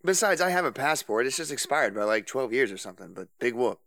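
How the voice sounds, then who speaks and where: A man's voice: medium pitch, very animated, fast, gravelly, a bit bright, no echo, studio quality. A man voicing a cocky, charming radio host who talks in a flippant, breezy way.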